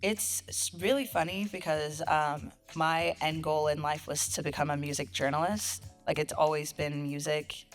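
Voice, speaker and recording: A young woman guest journalist chatting in an interview, soft-spoken with a clear, radio-ready way of talking. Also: sits low, steady tone, moderate pace, few pauses, faint music behind. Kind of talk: casual interview chat.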